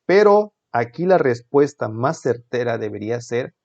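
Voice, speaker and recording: A man's voice: medium pitch, very animated, measured pace, vocal fry, a little mellow, dull audio. A male teacher, walking students through exam answers in a conversational way that keeps checking in with them.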